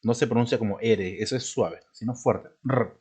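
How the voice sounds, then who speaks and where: A man's voice: lowish voice, fairly quick, darkish tone. Patient man teaching a spelling lesson. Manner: checks in constantly with "¿de acuerdo?" and "¿no?"; clears his throat often.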